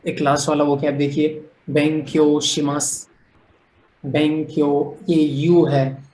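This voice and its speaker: A man's voice: a little high, little pitch movement, takes it slowly, darkish tone, roomy sound, a little hiss or hum, rough recording. A man teaching a language class online, explaining patiently, often checking that students follow, and mixing English phrases into his talk.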